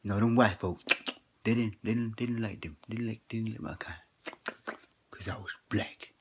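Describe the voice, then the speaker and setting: A man's voice: fairly low pitch, fairly even intonation, normal speed, breathy edge. Man playing a boastful old grandpa. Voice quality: folksy slang-heavy drawl, chuckling between lines. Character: boastful old grandpa telling tall tales. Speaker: comedy skit performer. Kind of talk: comedic character monologue.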